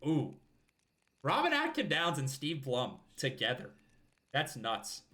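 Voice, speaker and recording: A man's voice: on the high side, wildly swooping pitch, slow pace, sharp tone. A man with a scratchy throat casually commenting, swearing and joking, while live-streaming a video game. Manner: casual, profane, jokey.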